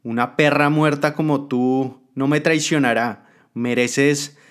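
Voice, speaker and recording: A man's voice: medium pitch, steady tone, slow pace, clean tone, close to an everyday voice. A man voicing a cruel, ruthless woman politician who taunts and threatens, in a dramatic spoken story. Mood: scornful. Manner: taunting, contemptuous.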